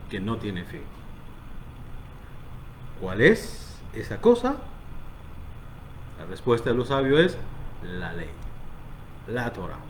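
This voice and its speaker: A man's voice: medium pitch, a bit bright, slight background noise. A man teaching scripture to a congregation, stressing key words and often checking that his listeners follow. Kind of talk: Bible teaching.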